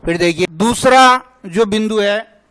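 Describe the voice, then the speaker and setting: A man teaching a grammar lesson in a slow, deliberate voice that sounds crisp and resonant. His pitch sits high for a man. He asks a question and answers it himself to drill each point, recorded dry and close. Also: a bit bright, no echo, rough recording.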